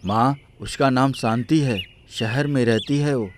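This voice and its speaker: A man's voice: mid-range voice, unhurried, noisy background, natural voice. A man voicing Rabin, an earnest young husband and son, in a cartoon story with music underneath. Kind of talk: cartoon voice acting. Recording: music bed under dialogue.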